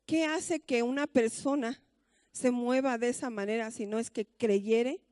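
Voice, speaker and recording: A woman pastor with a Mexican accent preaches in a high, bright-pitched voice. She tells stories to her church and keeps asking rhetorical questions. The sound is close and dry, with little room around it. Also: fairly even intonation, a little slow, no room sound. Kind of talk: conversational sermon.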